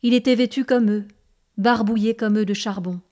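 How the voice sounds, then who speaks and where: A woman reading a classic novel aloud as an audiobook narrator, steady and measured. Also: mid-range voice.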